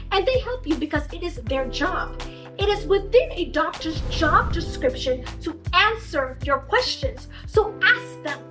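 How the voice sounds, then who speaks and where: High-pitched woman vlogger, echoey and distant. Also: fairly bright tone. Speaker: vlogger sharing surgery recovery advice. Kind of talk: scripted narration of personal tips. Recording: echoey room, distant mic, music behind.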